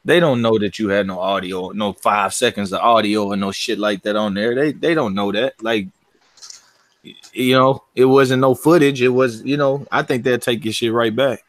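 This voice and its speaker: Profane, animated man in a dry, close sound. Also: moderate pace, dry recording. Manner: animated, profane, jumps up in pitch when excited. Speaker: boxing livestream co-host. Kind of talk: casual chat.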